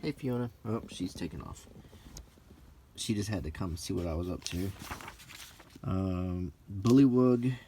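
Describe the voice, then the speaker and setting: A middle-aged vlogger flips through game books, chatting casually and unscripted with nostalgic, mildly grumbling asides, an unintentional ASMR feel. His low-pitched voice is mellow and measured, pausing often, with slight background noise.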